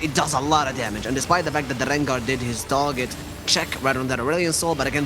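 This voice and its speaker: A man giving lively play-by-play commentary on a live esports match, his voice leaping up on big moments. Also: noisy background. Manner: excitable play-by-play, pitch leaps on big moments. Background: background music.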